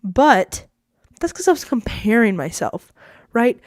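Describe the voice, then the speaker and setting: A woman's voice: fairly high pitch, very animated, a little slow, dry recording, studio quality. A teenage girl hosting her own podcast, rambling in a casual, self-deprecating way, with a lot of "like" in her speech. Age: teens. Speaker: podcast host. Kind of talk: casual solo podcast monologue.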